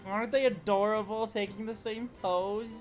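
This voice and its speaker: A man hosting a gaming stream, excitable and jokey, swearing now and then. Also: sits high, normal speed. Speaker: streamer and host. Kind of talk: casual gaming chat. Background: game music.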